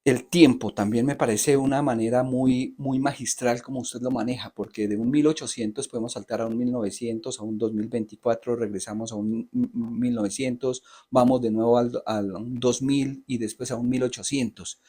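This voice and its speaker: Colombian male interviewer, mid-pitched. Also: steady tone, normal speed, hardly any pauses, dark tone, breathy edge. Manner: polite, long elaborated questions. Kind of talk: interview questions.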